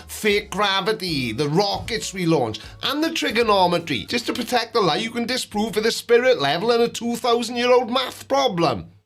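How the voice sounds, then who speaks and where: Male commentator, high voice, sarcastic and mocking debunk style, light music underneath. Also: a bit bright. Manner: sarcastic, mocking, dry asides. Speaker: host of a debunking video.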